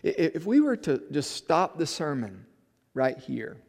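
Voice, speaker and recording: A man preaching a sermon as pastor, swinging from loud emphatic declarations to quiet low asides. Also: wildly swooping pitch, a little slow, creaky. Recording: echoey hall with long reverb.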